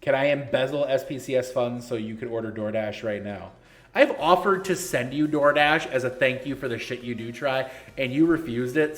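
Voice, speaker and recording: A man's voice: medium pitch, fairly bright tone. Blunt joking man in his thirties. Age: 30s. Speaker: league organizer and streamer. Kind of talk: casual live-stream Q&A.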